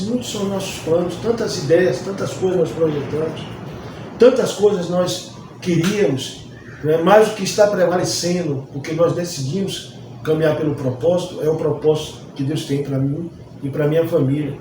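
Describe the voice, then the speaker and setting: A man's voice: a little high, background noise. A man from Bahia, a Baptist pastor, teaching a Bible study lesson earnestly and repeating phrases for emphasis. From Bahia, Brazil. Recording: distant mic, very echoey room.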